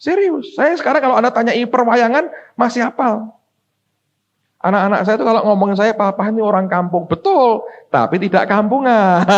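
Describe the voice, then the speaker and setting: A middle-aged pastor from Semarang, preaching a folksy, story-driven sermon that speaks straight to the congregation. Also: male voice, high-pitched, slight background noise. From Semarang, Central Java. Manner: animated, folksy, addresses the congregation directly. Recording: dull lo-fi recording.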